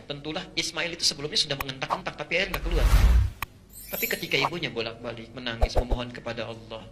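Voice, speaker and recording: Bright-voiced emphatic male preacher. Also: on the high side, slight background noise. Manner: emphatic, repeats key phrases, chants Quran verses. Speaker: Islamic preacher. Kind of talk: sermon.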